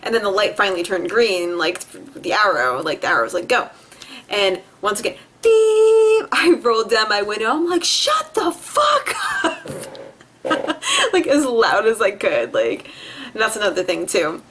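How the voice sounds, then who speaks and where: A woman's voice: medium pitch, animated, brisk, fairly bright tone. Profane, rambling young woman from New Jersey. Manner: profane, scattered, laughs often, mimics herself in quotes. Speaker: vlogger. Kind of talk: rambling personal vlog monologue. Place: indoors at home. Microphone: camera facing the speaker.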